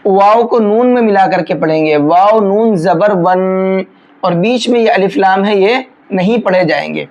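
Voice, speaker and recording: A patient recitation teacher working through a tajweed lesson, one rule at a time. The explanations are calm and plain, then the voice stretches out into slow, chanted recitation of each word before returning to plain teaching. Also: medium pitch, highs cut off.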